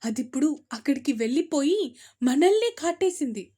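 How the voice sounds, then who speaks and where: A woman voicing a scheming, angry middle-aged mother in an audio story, speaking loudly and bitterly. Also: high-pitched, sing-song, moderate pace, voice pushed up. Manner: loud and bitter.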